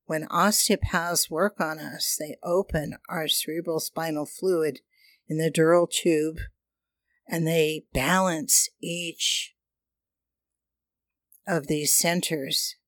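A meditation teacher with a gentle, mystical healer manner, guiding a breathing and energy class in short, unhurried phrases. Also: medium pitch, steady tone, dry recording, studio quality. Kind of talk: guided meditation and breathing instruction.

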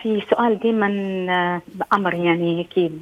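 A woman's voice: on the low side, fairly even intonation, fast talker, no echo. A woman, living abroad in Australia, asks her question over the phone, thoughtful and searching for words. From Levant, living in Australia. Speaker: caller. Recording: dry, phone-like line.

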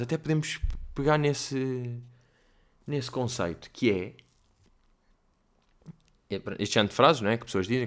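A man with a European Portuguese accent, hosting a podcast and telling stories in a loose, chatty way full of slang fillers. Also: lowish voice. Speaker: podcast host. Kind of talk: casual storytelling monologue.

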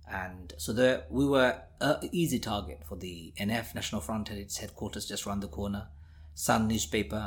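A man in his forties, raised in the United Kingdom, answers an interviewer with his own memories. He speaks with intense emphasis in a somewhat low voice. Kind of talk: personal recollection in an interview.

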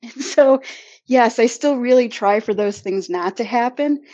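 A woman's voice: on the high side, measured pace, warm tone, no room sound, lo-fi sound. A woman with a Midwestern accent, a podcast host who is the guest in a casual interview, chatty and laughing often.

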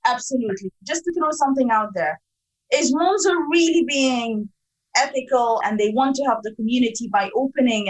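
A woman's voice: a little high, low-quality recording. A woman from Sudan, a guest researcher, explaining her findings emphatically in a podcast interview.

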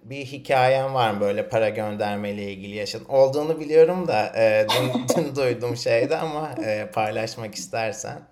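A man's voice: mid-range voice, brisk, hardly any pauses, a little mellow. A man interviewing in a casual, informal and encouraging way.

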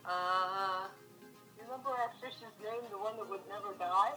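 A middle-aged woman heard over a phone speaker, chatty and quick to laugh as she remembers family stories. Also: mid-range voice, sharp tone, soft background music, low-quality recording. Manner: chatty, laughs easily while recalling. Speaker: guest's mother calling in. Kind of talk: casual phone chat.

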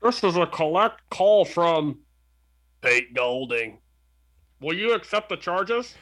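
A man putting on the slow, formal voice of a collect-call operator, sounding distant like a payphone call, as a comedy bit on a sports radio show. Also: a little high, very animated, fairly bright tone, pitched above the performer's own voice, heavily acted.

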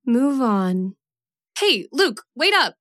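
A woman's voice: on the high side, big pitch swings, takes it slowly, a bit bright, heavily acted. A woman playing a lovesick, heartbroken young woman who is pining for her ex in a comedy audio drama. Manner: moping, earnest.

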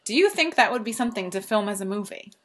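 A woman's voice: mid-range voice, lively intonation, fast talker. A woman co-hosting a podcast, chatting casually and explaining things in an informal way. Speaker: podcast co-host. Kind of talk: casual podcast chat about books and films.

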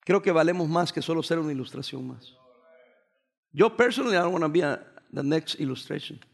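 Man, pastor, sermon, high voice, gravelly, animated, mixes in English. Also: a little fast. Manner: animated storytelling preacher, mixing in English phrases.

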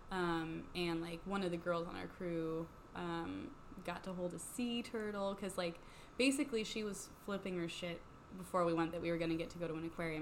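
A young woman co-hosting a casual podcast, chatty and rambling, a little hoarse from a cold and laughing often. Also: on the low side, slight background noise. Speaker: podcast co-host.

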